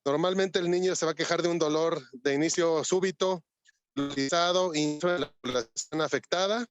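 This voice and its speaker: A man lectures students on medicine over a video call, explaining step by step and putting questions to the class. His fairly high voice sounds dry and close, and the bad internet connection keeps chopping it up and breaking it apart. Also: moderate pace, smooth, no room sound, soft background music. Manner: didactic, quizzes students. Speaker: medical teacher. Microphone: computer on a video call.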